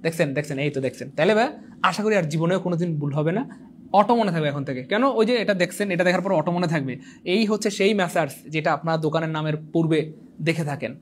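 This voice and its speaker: A young man who teaches an exam prep lecture in an animated, teasing way, repeating points and quizzing his viewers. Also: a little high, fast talker, a little hiss or hum. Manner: animated, repetitive, teasing, asks the viewers questions. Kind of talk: online lecture.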